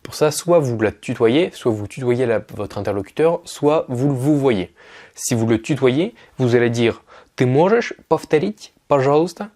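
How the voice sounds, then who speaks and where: A man's voice: medium pitch, dark tone. Man teaching Russian phrases. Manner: explains patiently, repeats phrases slowly. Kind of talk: casual video lesson.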